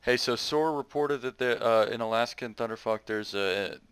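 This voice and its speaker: A man's voice: medium pitch, moderate pace, fairly bright tone, clear, resonant tone, no room sound. A man acting as radio operator in a military simulation game, mixing procedural calls with casual chat, his phrasing somewhat hesitant.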